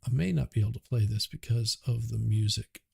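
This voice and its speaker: This livestream host talks in a relaxed, chatty way, muttering to himself while he tweaks the sound on his cheap USB microphone. He has a mid-range voice with vocal fry and a breathy edge, captured as clean studio audio without echo.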